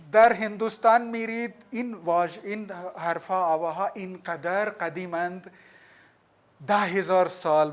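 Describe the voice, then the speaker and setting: A man teaching a language class, explaining words slowly, repeating them and putting questions to the students. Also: sits high. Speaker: Sanskrit teacher.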